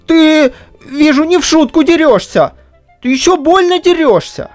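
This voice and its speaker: A woman's voice: medium pitch, sing-song, slow, faint music behind, pitched above the performer's own voice. A woman voicing a stubborn, grumbling older Cossack man in an audiobook reading, with a whiny, indignant manner. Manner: whiny, indignant, muttering to himself. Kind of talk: audiobook reading of a classic story.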